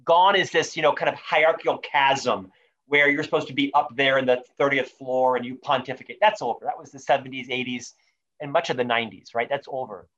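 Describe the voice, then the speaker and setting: As an interview guest, a man in his fifties who writes on leadership gives animated, emphatic answers, carefully enunciating and piling up lists of points and questions. His medium-pitched voice is steady, slightly bright, and a little fast, with the high frequencies clipped.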